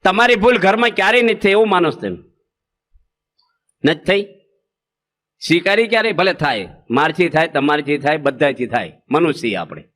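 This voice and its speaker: A man's voice: fairly high pitch, animated, normal speed, pauses often, a bit bright. A man with a Gujarati accent giving a humorous sermon as a monk, asking the audience rhetorical questions and acting out parents and children. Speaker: monk preacher.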